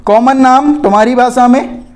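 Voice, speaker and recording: A man's voice: very high voice, steady tone, normal speed, a little mellow. A man from India teaching an exam-prep chemistry lecture in a chatty way, calling his students "beta" and "bhai" and checking in with "theek hai" again and again. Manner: keeps repeating "theek hai" and "ye dhyan rakhen".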